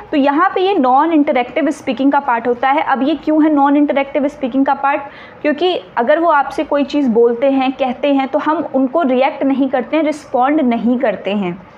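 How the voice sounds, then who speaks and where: High-voiced woman teaching a lesson. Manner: explains patiently, often checks with "clear?". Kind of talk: exam-prep lecture. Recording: slightly dull recording, faint ambience.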